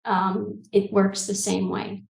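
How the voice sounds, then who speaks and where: A woman in her forties, from Egypt and the UK, answers interview questions in a calm, reflective manner, pausing often. She talks through an earbud mic on a video call. Her voice is a little gravelly and the room sounds echoey. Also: mid-range voice. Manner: thoughtful, calm, hesitant with ums. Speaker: guest coach. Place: room with bookshelves. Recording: roomy video call audio.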